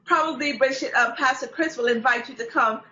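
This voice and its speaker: A woman's voice: high voice, a little fast, sharp tone, slight background noise. A woman hosting a casual talk show, teasing her guests and laughing often. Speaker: host. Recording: lo-fi, roomy sound.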